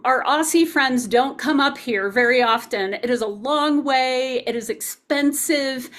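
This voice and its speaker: High, enthusiastic woman interviewer. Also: unhurried, fairly bright tone. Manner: enthusiastic, promotional, upbeat. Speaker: interviewer and retreat organizer. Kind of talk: casual interview chat.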